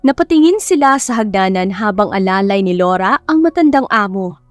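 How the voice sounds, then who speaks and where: A woman narrating a romance story in a steady, scripted storytelling voice. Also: mid-range voice, brisk, no echo, faint music behind.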